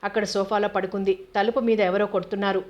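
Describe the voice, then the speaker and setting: A woman narrating a novel aloud at a steady, measured pace. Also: medium pitch. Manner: steady, even reading. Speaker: audiobook narrator. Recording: dull lo-fi recording.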